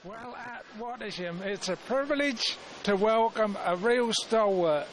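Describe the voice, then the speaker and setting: A woman's voice: fairly high pitch, a little slow. A woman, presenting and interviewing people on location in a chatty style. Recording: faint outdoor noise, vehicles nearby.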